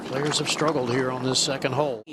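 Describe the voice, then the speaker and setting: A man works as a golf analyst, explaining play in an informal, conversational way. His voice is mid-range, with loud outdoor ambience behind it. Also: mid-range voice, level tone, fairly quick. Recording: outdoor broadcast with loud background noise.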